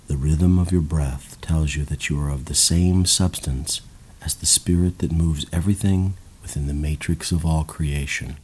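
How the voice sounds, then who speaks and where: A man guiding a slow, calm breathing and body relaxation exercise in a soothing voice. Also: extremely low pitch, slightly rough. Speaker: meditation guide. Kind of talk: guided relaxation narration.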